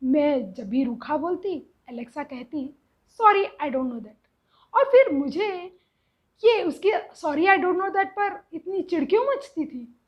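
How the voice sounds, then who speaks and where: A woman storyteller narrating in an expressive, earnest way and speaking straight to her listeners, on a slightly dull recording. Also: high voice.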